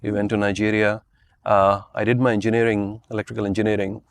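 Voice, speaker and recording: Speaking quickly and flatly in a lowish register, this Pakistani-born man in his fifties recounts his life on a podcast, with slight background noise. He rambles through easygoing interview answers, leaning heavily on fillers like "you know" and "I mean."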